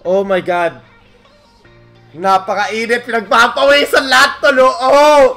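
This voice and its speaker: Man, Filipino accent, esports play-by-play, very high voice, bright and forceful, music underneath. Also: fairly even intonation, measured pace, creaky. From Philippines. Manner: bursts into shouting at big plays, mixes Tagalog and English. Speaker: esports caster. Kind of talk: excited play-by-play commentary.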